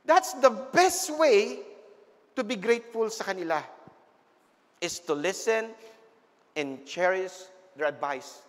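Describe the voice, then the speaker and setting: A man, a pastor preaching a sermon with animated storytelling in a church. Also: sits high, takes it slowly, long pauses. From Philippines. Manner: mixes English and Tagalog, animated storytelling. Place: church sanctuary. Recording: reverberant church hall.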